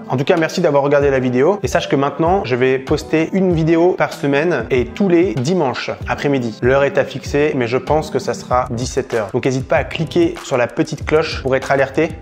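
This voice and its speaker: A man's voice: mid-range voice, darkish tone. A man hosting a casual cooking tutorial in a home kitchen, playful, jokey and chatty. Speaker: cooking vlogger.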